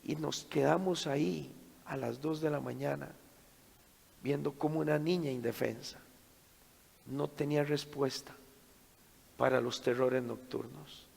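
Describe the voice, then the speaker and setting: A middle-aged man delivers a sermon built around a dramatic personal story, moving between hushed passages and loud bursts. His voice is gravelly and sits a little high. The sound carries a long reverb from a church hall. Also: fairly even intonation, a little slow, pauses often. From Costa Rica. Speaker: preacher at a men's conference.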